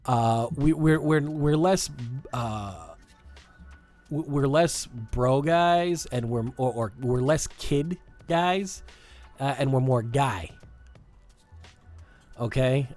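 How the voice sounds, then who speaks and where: Rambling man with a Massachusetts accent. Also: mid-range voice. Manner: rambling, animated, self-interrupting. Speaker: podcast co-host. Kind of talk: casual podcast chat.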